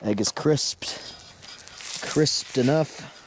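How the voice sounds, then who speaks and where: At a mountain campsite, a camping vlogger cooks breakfast outdoors and later moves inside a tent, talking casually to the camera. His voice is mid-range, he draws out his words, and there's slight background noise.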